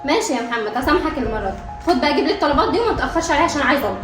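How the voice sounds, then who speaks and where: A woman's voice: sits high, expressive, very fast. A young woman with an Egyptian accent playing a scheming, bossy stepmother in a family skit, giving curt orders. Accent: Egyptian Arabic. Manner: curt and commanding. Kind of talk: amateur family skit acting. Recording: echoey room, from a distance, music behind.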